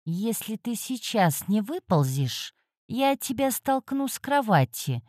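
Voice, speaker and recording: A grumpy male talking cat familiar, put on by a woman reading, whining high and soft from under the covers. His voice sits lighter than the reader's own, with a mellow, dark tone and a dry, close sound. He grumbles and complains at every turn. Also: sing-song, takes it slowly, no echo, exaggerated voice. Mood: threatening.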